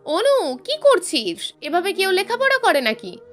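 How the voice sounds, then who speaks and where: A woman's voice: very high-pitched, sing-song, a little slow, a bit bright, soft background music, pitched above the performer's own voice, exaggerated voice. A woman voicing a teasing, coaxing middle-aged mother.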